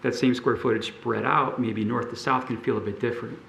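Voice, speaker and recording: A man's voice: mid-range voice, fairly even intonation, gravelly, a bit bright, slight background noise. Thoughtful man in a roomy chamber. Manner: thoughtful, halting, with restarts. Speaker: zoning board member. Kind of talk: board discussion at a city meeting.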